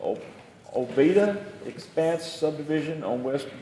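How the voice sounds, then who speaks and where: A man chairs a formal meeting in a procedural, formulaic manner. His voice is fairly high for a man and echoes through a hall with faint background noise. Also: lively intonation, measured pace, warm tone. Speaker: county judge chairing a meeting. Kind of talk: formal meeting procedure, reading agenda items.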